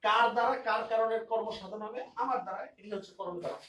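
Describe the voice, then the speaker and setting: A man's voice: sits high, fast talker, pushed and bright. A man teaching a grammar class online, repeating his examples and often checking whether his students understand. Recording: echoey room, distant mic, faint noise.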